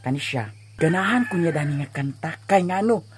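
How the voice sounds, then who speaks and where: A vlogger with a Cebuano accent chatting casually and jokingly while doing laundry, a little hoarse. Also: medium pitch, animated, brisk, slight background noise. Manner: joking, teasing, breaks into song.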